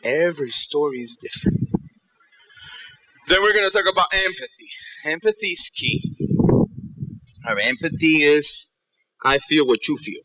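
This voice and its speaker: On the stage of a big auditorium theater, a middle-aged man from New York and Ecuador gives a motivational keynote, spinning lively stories and pausing to check on his listeners. He speaks at a normal speed with a fairly high voice and frequent pauses, captured on poor audio.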